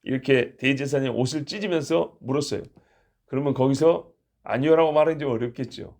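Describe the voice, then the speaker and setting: A man's voice: mid-range voice, a little fast, darkish tone. A man preaching a sermon as pastor, conversational and acting out the quoted lines.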